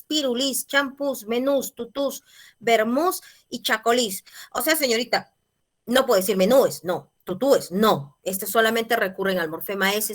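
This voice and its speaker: A woman's voice: on the high side, a bit bright. Patient woman teaching grammar. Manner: patient explanatory, checks in with "¿ya?" and "¿listo?". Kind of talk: grammar lesson.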